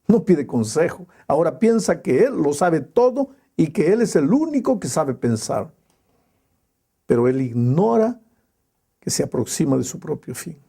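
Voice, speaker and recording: A male pastor preaching a sermon in a slow, emphatic way with dramatic pauses. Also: a little high, vocal fry, dark tone, breathy edge.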